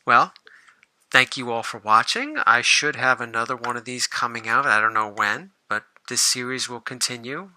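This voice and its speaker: A man's voice: medium pitch, normal speed, bright, forceful tone, no echo, rough recording. A man hosting a casual show-and-tell video about comic books, rambling, with lots of fillers and restarts. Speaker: comic book collector and channel host.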